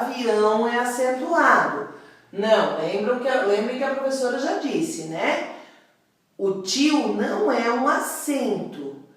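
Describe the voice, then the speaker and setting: A woman teacher with a Brazilian Portuguese accent, explaining a grammar lesson patiently and often checking in with her class. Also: a little high. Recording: very echoey room, voice from a distance.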